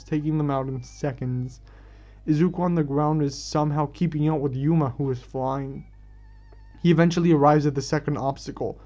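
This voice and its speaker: Male fan-story reader, casual and halting with self-corrections; mellow, slightly high voice. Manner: stumbling restarts and self-corrections. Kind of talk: reading a fan story aloud. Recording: dull lo-fi recording.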